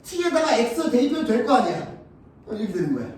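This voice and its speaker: A man's voice: very high voice, very animated, brisk, darkish tone. A male math teacher giving a classroom lecture, talking bluntly and crudely and keeping on checking whether the students follow. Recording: echoey classroom, from far off.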